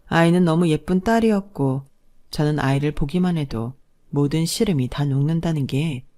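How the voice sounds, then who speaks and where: A woman's voice: sits low, mellow. A woman narrating her own story in first person, plaintive and assertive when she argues back.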